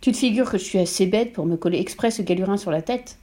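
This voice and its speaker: A woman voicing an irascible, vain little father who yells indignantly in a storybook reading. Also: mid-range voice, fast talker, close to an everyday voice. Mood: furious. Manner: yelling, indignant.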